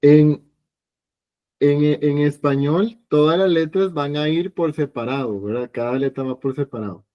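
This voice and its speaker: A man teaching an evening language class, patient and explanatory, slowly repeating sounds for his students. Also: a little high, dull audio. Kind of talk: online class lesson.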